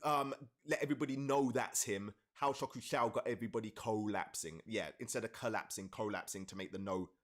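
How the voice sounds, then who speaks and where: A man's voice: lowish voice, a little fast, hardly any pauses. A rapper and streamer on a live stream with a webcam, eagerly walking through his own lyrics, counting syllables aloud and thanking viewers in chat. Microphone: streaming setup with webcam.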